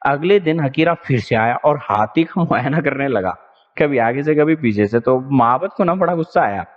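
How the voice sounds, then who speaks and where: Male teacher, animated storyteller, echoey dull-sounding room. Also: medium pitch, moderate pace. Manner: animated, chatty, laughs often. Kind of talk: storytelling in an exam-prep lesson.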